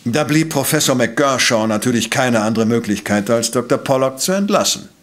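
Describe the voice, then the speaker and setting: An actor playing a coolly precise professor-detective in a radio play, questioning in a formal, probing way. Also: male voice, medium pitch, lively intonation, moderate pace, a bit bright, lightly acted. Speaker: voice actor in audio drama.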